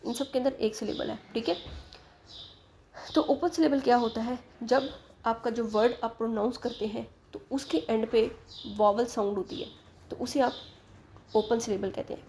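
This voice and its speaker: A woman's voice: on the high side, steady tone, moderate pace, warm tone, a little hiss or hum. A woman teaching English in Hindi, spelling out letters and sounds, patiently asking and answering her own questions. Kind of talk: explaining lesson in Hindi with English terms.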